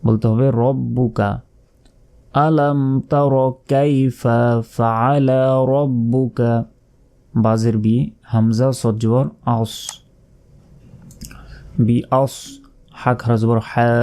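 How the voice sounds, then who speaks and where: Mellow-voiced teacher. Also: male voice, mid-range voice. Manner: slow, letter-by-letter drilling and correcting common mistakes. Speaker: Quran recitation teacher. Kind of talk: spelled-out Quran pronunciation lesson.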